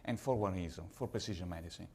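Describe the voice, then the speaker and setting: A man from Italy with an Italian accent, speaking on a conference panel as a pharma executive, measured and slightly halting in English. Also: low-pitched, warm tone, slight background noise.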